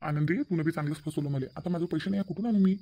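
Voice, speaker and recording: A man's voice: on the high side, fast talker, mellow. A man voicing a sly, uneasy young man in a cartoon who is caught out. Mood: evasive. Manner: evasive, fretful. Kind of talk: cartoon voice acting.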